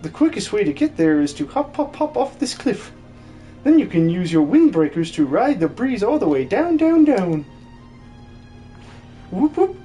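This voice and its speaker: A mid-range, warm voice with wide pitch movement and a moderate pace, close to everyday speech, with faint music behind. It belongs to a performer dubbing a video game role: a jolly, fussy, excitable old hermit. He stutters by repeating words three times.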